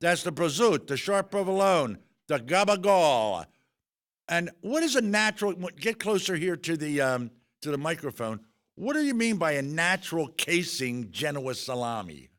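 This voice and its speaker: A man's voice: fairly high pitch, big pitch swings, normal speed, fairly bright tone. A man hosting a casual radio chat, joking and talking with his mouth full. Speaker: host.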